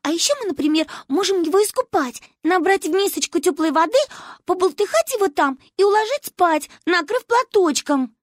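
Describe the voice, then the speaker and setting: A woman voicing an excitable, bold little girl who chatters shrilly and insistently. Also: very high voice, normal speed, dry recording, studio quality, pitched above the performer's own voice. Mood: excited, pleading.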